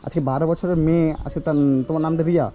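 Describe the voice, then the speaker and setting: A man's voice: fairly high pitch, little pitch movement, very fast, dull audio, faint music behind. A man filming outdoors as a social worker vlogger, pressing with repeated questions. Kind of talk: confrontational street interview.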